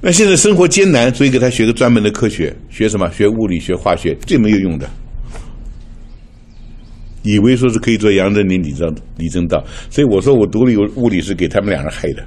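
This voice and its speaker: Preaching a sermon built around personal stories, an older Taiwanese man talks in a chatty, storytelling way, laughing frequently and slipping in English words. He speaks fast, with a fairly low, darkish and expressive voice.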